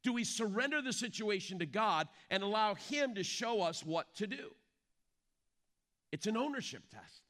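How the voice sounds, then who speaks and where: A man's voice: sits high, animated, normal speed, a bit bright. A male pastor preaching a sermon in an emphatic way, putting rhetorical questions to his congregation.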